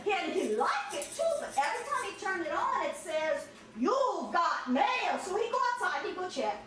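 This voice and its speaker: A woman comedian with a Cajun accent spins folksy comic stories in a very high, bright voice that she uses to act out dialogue. She is recorded from across a living room, so the sound is strongly echoey. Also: a little fast. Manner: animated, folksy, acts out quoted dialogue. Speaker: comedian hired to entertain at a house party. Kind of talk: comic storytelling with audience banter. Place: crowded living room at a party. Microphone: camera across the room. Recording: echoey living room, distant camera microphone.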